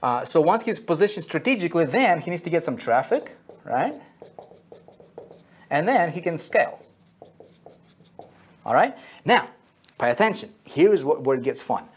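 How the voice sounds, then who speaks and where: A man with a slightly high, husky, sing-song voice teaches an online marketing lesson at a whiteboard. He talks at a moderate pace with long pauses, repeating key phrases for emphasis and constantly checking in with listeners with "okay?" and "right?".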